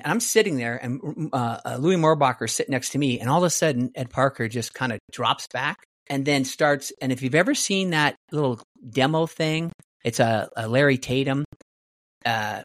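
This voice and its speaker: A man's voice: mid-range voice, fairly bright tone, no echo, clean studio sound. A middle-aged man casually telling stories, rambling with many restarts and fillers. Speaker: guest martial artist. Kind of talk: casual storytelling.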